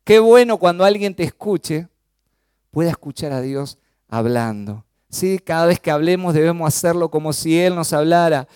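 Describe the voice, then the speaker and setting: A man from Chaco with an Argentine accent preaching a sermon, swinging between emphatic raised peaks and low, quiet lines. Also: normal speed, clear, resonant tone, dry recording, studio quality. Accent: Argentine Spanish. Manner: animated preaching, rising to emphatic peaks then dropping low.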